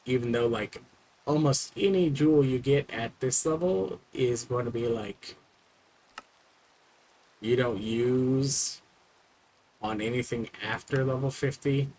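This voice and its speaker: A man streaming a video game, talking his way through menus and crafting in an unhurried, rambling way. His pitch sits in an ordinary middle range, and he fills pauses with plenty of ums and uhs. A faint hum of noise sits under the voice. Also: darkish tone, rough recording. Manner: rambling, self-talking with frequent fillers. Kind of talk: casual gameplay commentary.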